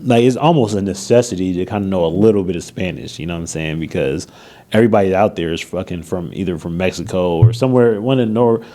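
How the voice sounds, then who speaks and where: Man, low voice, mellow tone, from California, laid-back, casual swearing, podcast host. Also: fast.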